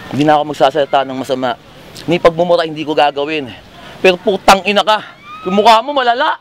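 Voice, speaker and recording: At a live battle rap event, a man freestyles conversational, comedic banter in a teasing, profane way. His voice is on the high side with a fairly bright tone, and noisy urban ambience with vehicles surrounds the recording.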